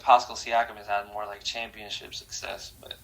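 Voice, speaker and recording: Bright-voiced animated man from Croatia. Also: lowish voice, moderate pace, gravelly, poor audio. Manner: animated, slangy, peppers talk with "bro" and "like". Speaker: guest. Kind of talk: casual rapid-fire this-or-that interview.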